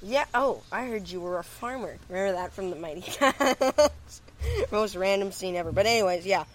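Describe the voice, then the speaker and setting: A man's voice: sits high, lively intonation, normal speed, fairly bright tone, a little hiss or hum. A young man co-hosting a casual hockey podcast, rambling and losing his train of thought. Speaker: podcast co-host. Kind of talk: casual chat.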